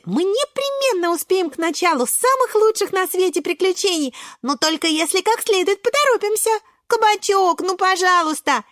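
A woman voicing an excitable, impatient little boy spinach sprout who talks eagerly and breathlessly. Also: no room sound, clean studio sound, heavily acted. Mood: pleading. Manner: breathless, eager, very high and bouncy.

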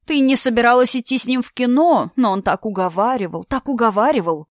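A woman's voice: a little high, a little fast, no room sound, clean studio sound, pitched above the performer's own voice, lightly acted. Woman putting on a sneering jealous bride in her thirties. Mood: taunting. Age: 30s. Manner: sneering, sarcastic, theatrical.

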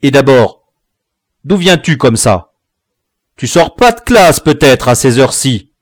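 A man voicing a gruff, furious rural father who swears and shouts at his son. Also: a little high, big pitch swings, slow pace, no echo, clean studio sound, voice pushed up, heavily acted. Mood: scolding. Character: angry rural French father, gruff, scolding.

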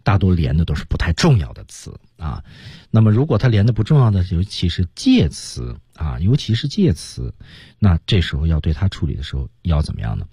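A man's voice: low-pitched, wildly swooping pitch, a little fast, mellow, breathy edge, no room sound, clean studio sound. A man teaching English reading on a radio lesson, explaining patiently and modelling lines.

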